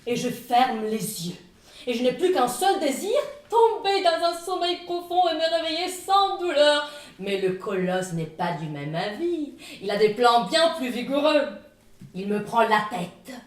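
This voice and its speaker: Her voice sits high and her pace is measured as this northern Italian actress, speaking with an Italian accent, performs a dramatic, comic first-person monologue in her one-woman show. She is vivid and expressive throughout, though the distant microphone and echoey room leave her sounding far off.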